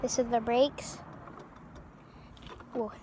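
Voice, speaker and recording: Out on a street, a teenage girl chats casually into a handheld phone camera for a vlog, rambling with lots of fillers and restarts. Her voice is a little high and steady in tone, and she speaks very slowly. Background noise can be heard.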